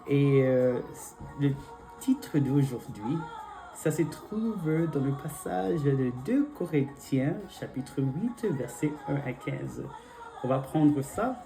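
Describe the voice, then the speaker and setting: Medium-pitched, gravelly and expressive, this young adult pastor preaches in French with an English-speaking accent, since it's his second language. With music in the church background, he prays and reads scripture haltingly, leaning on fillers and repeated invocations.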